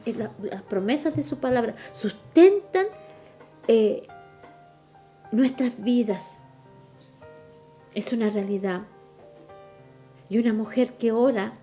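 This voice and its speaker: At a women's retreat, a middle-aged Chilean woman preaches a sermon in a warm, higher-pitched voice. She is fervent and calls her listeners sisters.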